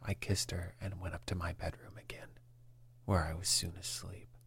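A man reading a classic story aloud in a breathy, calm whisper. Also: sits low, normal speed. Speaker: reader.

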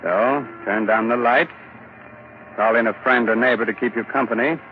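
A man's voice: mid-range voice, fairly even intonation, normal speed, close to an everyday voice. A man playing a sinister, mock-polite horror-show host in a 1940s radio drama, heard over a tinny old broadcast with faint hiss. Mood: ominous. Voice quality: theatrical, mock-polite and gloating.

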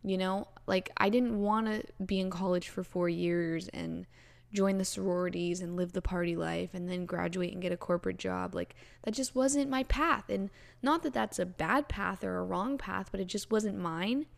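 A woman's voice: fairly low pitch, normal speed, creaky. A woman in her twenties hosting a casual solo podcast, talking earnestly and rambling with lots of "like" and "you know". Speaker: podcast host.

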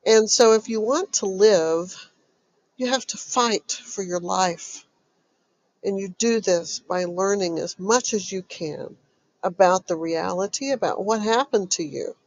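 Slow-paced, stuffy-voiced woman coach. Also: medium pitch, no echo, low-quality recording. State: stuffy, recovering from covid. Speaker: host and recovery coach. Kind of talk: motivational self-help talk to listeners.

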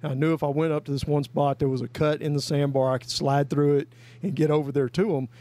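A man's voice: a little high, steady tone, fast talker, mellow. Folksy man telling a story. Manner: folksy, rambling, with many "I mean" and "you know". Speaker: guest storyteller. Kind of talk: casual storytelling.

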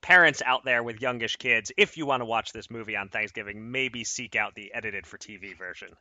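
A man's voice: fairly low pitch, fairly quick, bright, forceful tone, no echo. A man hosting a podcast in a casual, conversational style. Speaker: podcast host.

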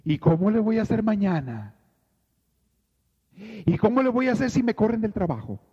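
A man's voice: high-pitched, sing-song, normal speed, mellow, breathy edge, pitched above the performer's own voice, full character voice. A man voicing an anxious working man who frets over every possible trouble. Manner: frantic, fretful questioning. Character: anxious, fretting working man full of worries. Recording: reverberant lo-fi church recording.

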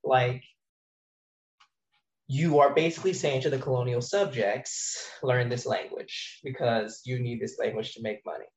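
Here a man speaks at a measured pace in a steady, medium-pitched voice, thinking out loud about teaching languages in a loose, meandering way full of fillers and restarts. His recording has a roomy, muffled quality.

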